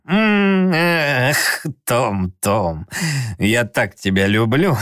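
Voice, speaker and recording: A man's voice: mid-range voice, a bit bright, dry recording. A man putting on a stern, loving old aunt from a storybook, scolding with exasperation. The voice stays fairly close to his own and is recorded dry and near the mic.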